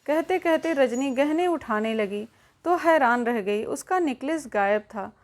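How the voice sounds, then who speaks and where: A woman with a high voice tells a family drama as scripted narration. She reads at an even pace and speaks each character's lines herself. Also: unhurried. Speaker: storyteller.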